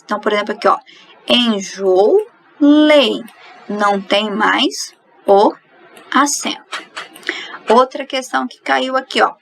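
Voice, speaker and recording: A woman's voice: fairly high pitch, creaky, rough recording. A woman teaching a recorded grammar lesson, explaining each rule and then asking and answering her own questions.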